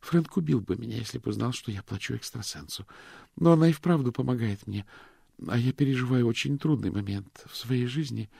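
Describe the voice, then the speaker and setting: A man voicing a talkative, anxious woman on the phone who chatters in a high voice and drops to whispers. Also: fairly quick, gravelly, darkish tone, breathy edge, dry recording, clean studio sound. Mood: whispering.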